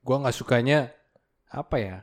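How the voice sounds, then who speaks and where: A young man from Korea, a guest on a casual chat podcast, answering in a soft-spoken and hesitant way. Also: medium pitch, normal speed. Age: young adult.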